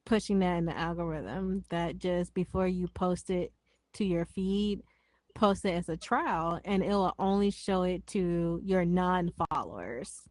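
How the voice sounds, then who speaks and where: A woman's voice: fairly low pitch, measured pace, darkish tone, no echo. A woman with a Memphis Southern accent who says her R's like W's, explaining things in slangy casual chat. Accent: Memphis Southern American. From Memphis, United States. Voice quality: struggles to pronounce R's, says w for r.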